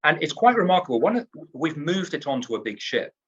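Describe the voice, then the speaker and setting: A man's voice: fairly high pitch, sing-song, brisk, a bit bright, slightly rough, muffled recording. A man from the UK, a cruise line executive in a trade interview, talks up his company in an upbeat, salesy way and often restarts his words.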